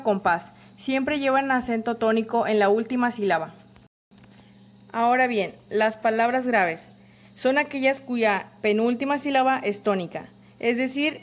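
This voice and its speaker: A woman reading a spelling and grammar lesson aloud, with a steady, list-like delivery of rules and examples. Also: a little high. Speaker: teacher.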